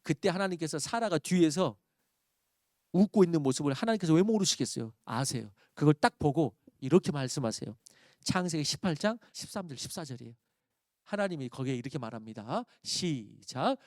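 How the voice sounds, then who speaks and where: Korean pastor preaching, higher voice, dry sound. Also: male voice, lively intonation, no echo. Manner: preaches with sudden loud emphatic peaks and quiet asides; reads scripture slowly aloud. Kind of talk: sermon.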